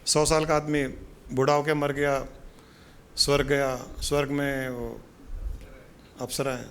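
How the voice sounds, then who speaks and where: A man's voice: mid-range voice, level tone, measured pace, slight background noise. A man speaking as a spiritual guru, giving a casual devotional talk with a folksy, joking storytelling manner.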